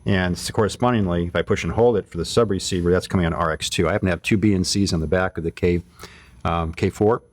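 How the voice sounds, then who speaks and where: Speaking low and quickly, a man runs an informal product demonstration, explaining it step by step while musing aloud. There's no echo on the audio.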